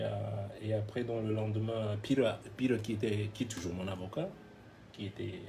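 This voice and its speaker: A man casually telling a road anecdote as a guest, animated, acting out other people's lines and laughing often. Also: on the low side, slight background noise. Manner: switches into English phrases mid-story. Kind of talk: casual storytelling.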